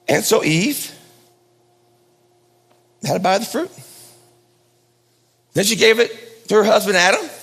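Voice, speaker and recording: A pastor preaching a sermon at a pulpit microphone, swinging from loud high emphasis down to low hushed lines. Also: male voice, animated, takes it slowly, creaky, long pauses, slightly rough, long reverb tail.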